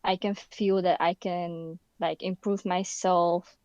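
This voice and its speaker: A young Filipina woman raised in the Netherlands, a university student, chats casually as a podcast guest in an indoor room, searching for words and using many fillers. Her voice is lowish and a little mellow, with a level tone and a slow pace. The audio is dull, with no echo.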